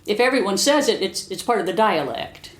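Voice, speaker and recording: A woman with an American accent hosts a casual interview at a medium pitch. She explains words and details haltingly, often correcting herself, and the room echoes around her voice. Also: animated. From Arkansas, United States. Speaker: host, interviewer.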